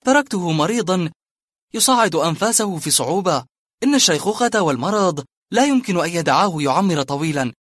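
A man's voice: high-pitched, lively intonation, a little fast, fairly bright tone, no room sound, studio quality, voice pushed up. A man voicing a bitter, disillusioned middle-aged barber in a dramatized audiobook, speaking with scornful, defiant emphasis. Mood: defensive.

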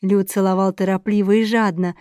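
A woman reading a romance novel aloud as a steady, even narrator. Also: medium pitch, a little fast, clear, resonant tone, dry recording, clean studio sound. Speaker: audiobook narrator. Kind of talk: scripted narration.

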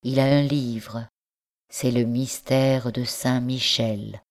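Brief: woman reading as a polished, insistent young gentleman, low-pitched and slow. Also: fairly even intonation, heavily acted. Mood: persuasive. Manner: courteous, then urgent and driven. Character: young nobleman scholar, ambitious and insistent.

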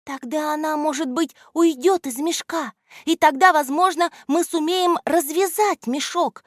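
A woman voicing an excitable, eager schoolgirl in a children's story. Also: high voice, a little slow, dry recording, studio quality, pitched above the performer's own voice. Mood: excited. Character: clever, excited little schoolgirl.

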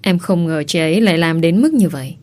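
Young woman, wronged and defiant, read by a female narrator, low voice. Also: fast, darkish tone, lightly acted. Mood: complaining. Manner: indignant, tearful complaining.

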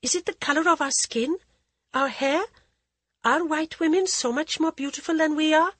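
A woman's voice: sits high, normal speed, a bit bright, no room sound, pitched above the performer's own voice. A woman voicing a timid, sheltered young princess bride who speaks hesitantly and fearfully.

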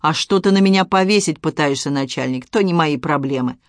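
A man reading an audiobook, voicing a calm, mocking male ex-convict who drawls in criminal slang. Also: on the high side, brisk, dry recording, clean studio sound, natural voice.

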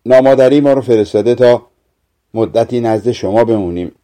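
A man reading aloud, voicing a polite, quiet young boy. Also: mid-range voice, close to an everyday voice.

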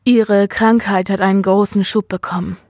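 A woman reading the lines of a calm, earnest male doctor in a measured, serious way. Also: medium pitch, dry recording, clean studio sound, lightly acted. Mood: grave.

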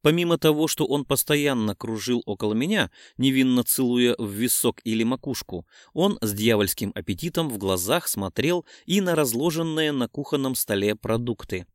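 A man's voice: mid-range voice, lively intonation, normal speed, hardly any pauses, no echo, studio quality. Man narrating a romance audiobook.

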